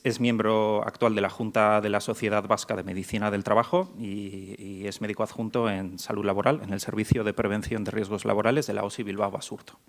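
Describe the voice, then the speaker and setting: A man's voice: lowish voice, creaky. A man from Mexico moderating a medical conference panel, introducing speakers with frequent restarts and hesitations. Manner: hesitant, many restarts and fillers. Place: conference hall.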